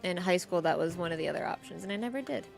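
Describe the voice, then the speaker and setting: A woman's voice: lowish voice, animated, rapid-fire, gravelly, over music. A woman streaming a game live, chatting casually, reading chat aloud and laughing often.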